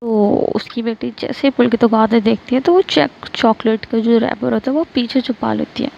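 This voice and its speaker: A woman's voice: a little high, fairly even intonation, normal speed, gravelly, mellow, dull audio. A woman casually narrating a family story, loose and chatty with fillers.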